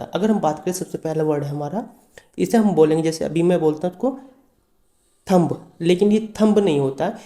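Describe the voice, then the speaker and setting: A man gives a language lesson in a very dark, mellow voice. He asks a question and then answers it himself, spelling words out letter by letter. The room sounds roomy and echoey. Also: fairly high pitch. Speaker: English teacher.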